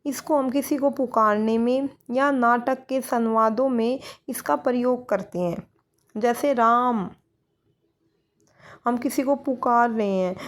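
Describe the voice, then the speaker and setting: A woman teaching a grammar lesson for exam students, posing questions and answering them herself, with English words mixed in. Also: a little high. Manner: mixes English words into Hindi.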